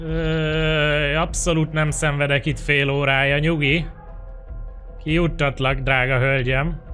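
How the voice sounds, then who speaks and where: A Hungarian-speaking man commentating his own gameplay, excitable and swearing as he urges his character on. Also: fairly high pitch, faint music behind. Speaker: gaming YouTuber. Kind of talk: let's play commentary.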